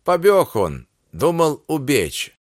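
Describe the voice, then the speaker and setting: A man's voice: fairly high pitch, huge pitch swings, slow pace, no echo, studio quality, pitched above the performer's own voice, full character voice. A man voicing a cold, insolent Cossack soldier who answers in curt, sneering retorts, within an audiobook reading.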